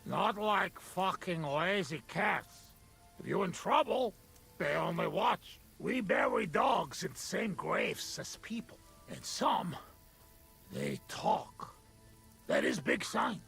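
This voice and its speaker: An actor playing a rough, boisterous drinking companion who speaks in broken English. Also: male voice, high voice, lively intonation, takes it slowly, fairly bright tone, soft background music, exaggerated voice. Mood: earnest. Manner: boisterous, teasing. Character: rough, boisterous man with a thick foreign accent, drinking companion. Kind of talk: game voice acting.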